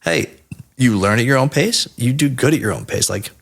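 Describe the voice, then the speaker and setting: A man in his thirties from New Jersey, telling stories as a podcast guest in a casual, animated and profane way. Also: mid-range voice, normal speed, gravelly.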